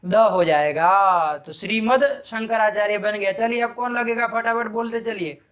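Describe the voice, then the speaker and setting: In a live Sanskrit grammar class, a man with a high-pitched, slightly bright voice quizzes his students briskly and scolds them sharply for wrong answers.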